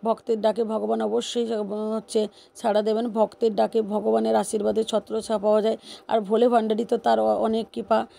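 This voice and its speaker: A woman speaking in a calm, unhurried way, with hesitations. Her voice is mellow and soft-edged, and she keeps it level without much rise and fall. She is walking listeners through a home devotional ritual. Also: fairly high pitch, vocal fry. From West Bengal, India. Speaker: devotional vlogger. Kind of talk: explaining a home worship ritual.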